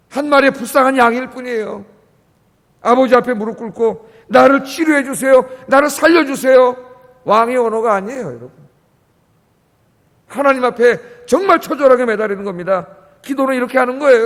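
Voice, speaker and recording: A man preaching in a church sanctuary, his high voice carrying a long reverb through the room. He is impassioned, dropping to quiet asides and rising to loud pleading. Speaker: pastor. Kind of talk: sermon.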